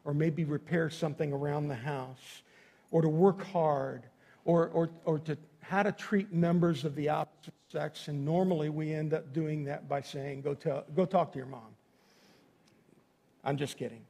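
A male pastor delivers a sermon in a high-pitched voice. He addresses his listeners directly in a folksy, emphatic way, leaning on repeated phrases to drive his point home. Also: fairly even intonation, normal speed, creaky, mellow. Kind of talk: sermon to a congregation.

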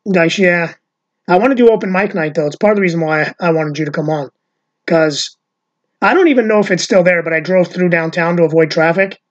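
On a loose, unscripted podcast she hosts with her sister, a woman with a lowish voice talks a little fast, rambling from one story to the next. She leans heavily on "like" and drops casual swears, and the audio is somewhat dull and lo-fi.

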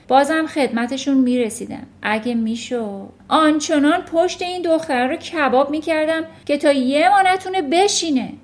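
A furious, towering headmistress who bellows and sneers at everyone, as a woman storyteller puts her on. The voice sits high and loud, pushed well above the reader's usual level. It sounds like a children's storybook read aloud. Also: close to an everyday voice. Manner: shouting, scornful, bellowing.

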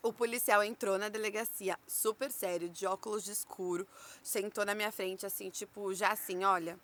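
A woman's voice: medium pitch, moderate pace, slight background noise. A woman with a Brazilian Portuguese accent, hosting a casual podcast and animatedly telling a story, acting out the lines of the people in it. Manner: animated storyteller, acts out quotes, laughs often.

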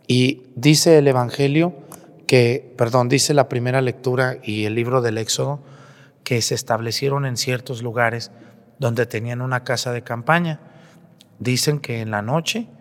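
A priest giving a homily at Mass. He tells the story and asks the congregation questions, with playful jokes. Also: mid-range voice. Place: church. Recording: long church reverb.

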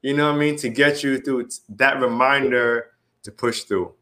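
With a steady, mid-range voice that's bright and forceful, a man hosts a casual podcast at a moderate pace. He's loose, upbeat and playfully pumped up, checking in with listeners via "right?" and "you know what I mean".

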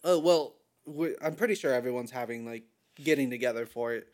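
A man's voice: medium pitch, a little fast. A man co-hosting a podcast, telling anecdotes in an enthusiastic, casual way. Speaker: podcast co-host. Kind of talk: casual chat.

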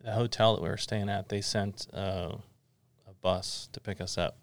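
In an office studio, a middle-aged podcast host runs a relaxed interview, speaking at a moderate pace in a low, steady voice with no echo. His manner is warm and a bit meandering, full of filler words.

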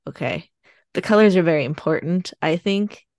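On a clean, dry studio recording, a woman co-hosting a podcast chats casually at a moderate pace. Her voice sits on the low side and is a little mellow as she meanders through a plot summary, laughing and using lots of fillers.

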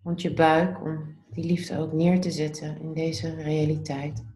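A woman leading a guided meditation in a calm, soothing, gently instructive way. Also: low voice, a little slow, reverberant, a little hiss or hum, poor audio.

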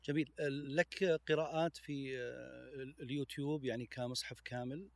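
A man hosting a podcast, putting short prompting questions and quiet affirmations to his guest. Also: medium pitch, steady tone, fairly quick, vocal fry, no room sound. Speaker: podcast host, interviewer. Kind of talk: interview questions.

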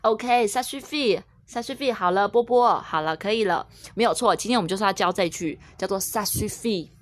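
Mom-teacher type, mid-pitched woman, patient and coaxing, slows down to model each word, casual home lesson. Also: no echo. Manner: patient, coaxing, repeats words slowly and clearly; switches between Chinese, French and English. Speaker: French teacher and mother. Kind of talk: casual French lesson with her young daughter.

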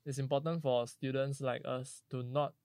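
A man's voice: mid-range voice, flat delivery, moderate pace, darkish tone, smooth, dry recording, studio quality. A young man from Singapore with a Singaporean accent, speaking Singlish in a casual group discussion among students. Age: young adult. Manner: Singlish with local particles. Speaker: university student on a podcast.

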